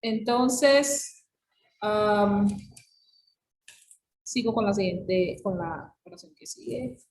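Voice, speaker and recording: A woman's voice: mid-range voice, very slow, a little mellow. A woman English teacher, patiently going over students' written mistakes and checking in with "ok?". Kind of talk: recorded feedback lesson. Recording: roomy echo, faint background hum.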